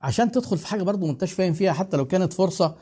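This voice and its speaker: A man's voice: high-pitched, expressive, dark tone, slightly rough. A middle-aged man with an Egyptian accent, chatting casually as a host and giving advice to viewers. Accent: Egyptian Arabic. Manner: fast, chatty, lecturing with asides.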